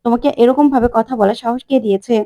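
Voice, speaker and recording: A woman's voice: a little high, fairly even intonation, fast talker, dark tone, lightly acted. A woman voicing a motherly woman in a retold family serial, questioning and reproachful. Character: motherly woman, sharp-tongued when crossed.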